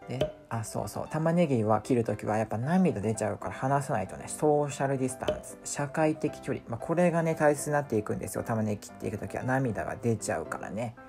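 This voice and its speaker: A man's voice: mid-range voice, lively intonation, fast talker, creaky, few pauses, over music. A man with a records a casual voice-over for his vlog, complaining in an exasperated, whiny way. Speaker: vlogger.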